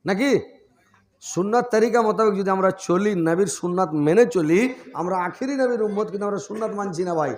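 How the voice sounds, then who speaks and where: A man delivers a waz sermon in a high, ringing voice. He shifts from loud exhortation to low, mocking asides. The sound echoes through a large space. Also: quick pace. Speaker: preacher.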